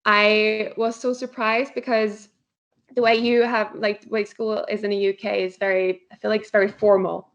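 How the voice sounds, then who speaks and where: A woman in her thirties from Norway chats easily as a podcast guest. Her speech is relaxed and loose, full of fillers and restarts. Her pitch sits mid-range, and the audio is a little dull and lo-fi. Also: moderate pace. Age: 30s. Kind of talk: casual chat.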